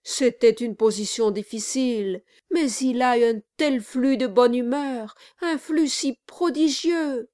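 A woman voicing a sly, obsequious male lawyer who gushes flattery in an unctuous manner, in a dry recording. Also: a little high, takes it slowly, no room sound. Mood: fawning.

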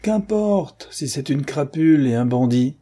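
A man reading a raised, forceful commanding gentleman. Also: on the high side, expressive, a little slow, voice pushed up. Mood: persuasive. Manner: insistent, emphatic, urging. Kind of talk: audiobook character reading.

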